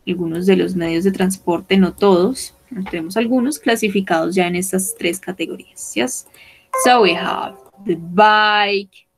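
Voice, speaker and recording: Slow, careful woman teaching English. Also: medium pitch, gravelly, poor audio. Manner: slow, careful, switching between English and Spanish. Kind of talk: online bilingual lesson.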